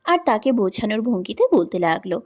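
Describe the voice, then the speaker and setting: A woman reading a romance story in scripted narration, with steady, even storytelling. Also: medium pitch, a little fast.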